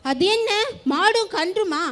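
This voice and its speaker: A school student voicing a harsh, scolding Brahmin wife in a stage play. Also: female voice, very high voice, lively intonation, measured pace, full character voice. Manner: sharp, scolding.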